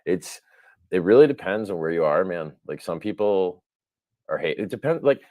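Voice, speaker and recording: Brash deep-voiced man ranting on a call. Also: animated, moderate pace, a little mellow, no echo. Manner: brash, ranting, mocks others in put-on voices. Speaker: crypto project founder on a livestream. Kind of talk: casual profane group chat.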